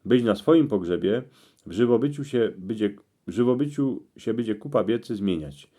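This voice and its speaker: A man with a Cieszyn Silesian accent reading out interpretations in dialect, in terse phrases with pauses. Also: on the low side, animated, warm tone. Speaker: presenter explaining dream meanings.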